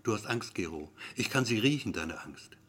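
Man doing a hushed uncanny woman, low soft murmur, quiet, lilting. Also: lively intonation, normal speed. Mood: soft, soothing. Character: hushed woman, soothing, unsettling.

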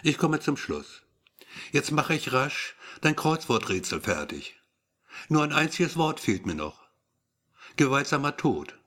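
A man's voice: fairly high pitch, big pitch swings, measured pace, fairly bright tone, exaggerated voice. A man reading a sweetly sinister letter writer. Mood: sugary. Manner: sugary, insinuating.

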